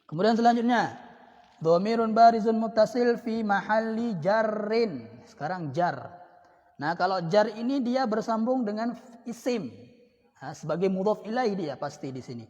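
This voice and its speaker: A man with an Indonesian accent teaching an Arabic grammar lesson, repeating each example word slowly. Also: high-pitched, expressive, darkish tone. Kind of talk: classroom lesson. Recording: dull sound with long reverb.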